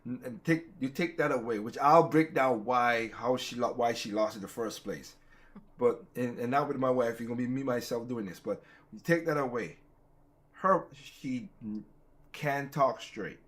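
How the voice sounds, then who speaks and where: A man hosting a casual political talk show, rambling with many restarts and growing heated. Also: mid-range voice. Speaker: podcast host.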